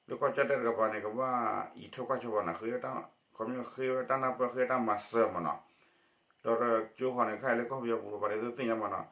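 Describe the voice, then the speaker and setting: A man delivers a news report in a bright, forceful voice with a steady pace. The sound is muffled and lo-fi, and it carries a noticeable room echo. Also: mid-range voice, quick pace. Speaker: news presenter. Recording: echoey dull lo-fi recording.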